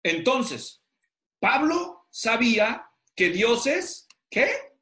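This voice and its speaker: A man teaches pastors over a video call, his voice high for a man. He keeps firing questions at his students to pull answers out of them. The room around him sounds roomy and echoey. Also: big pitch swings, drawn-out words, bright, forceful tone. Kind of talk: interactive online class. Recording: roomy echo.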